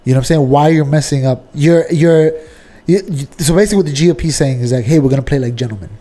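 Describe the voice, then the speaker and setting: A man in casual political chat, argumentative and animated, peppering his talk with fillers. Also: fairly high pitch, fast.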